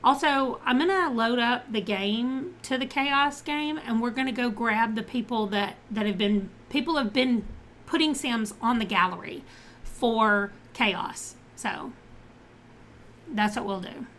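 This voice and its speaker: A woman's voice: a little high, a little slow, fairly bright tone, a little hiss or hum. A woman streaming a life-sim game live, chatting casually, thinking aloud as she reads out options and answers viewers.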